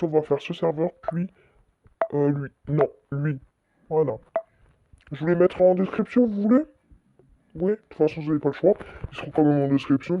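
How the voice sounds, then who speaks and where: A man giving casual commentary over a screen recording, chatty and stammering a little as he goes. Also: fairly high pitch. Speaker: channel host. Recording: dull lo-fi dry mic.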